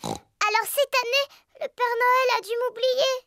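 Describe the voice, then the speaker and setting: Very high-pitched, eager little girl pig. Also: unhurried, gravelly, bright, forceful tone, dry recording, studio quality, exaggerated voice. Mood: disappointed. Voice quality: childlike. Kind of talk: preschool cartoon dubbing.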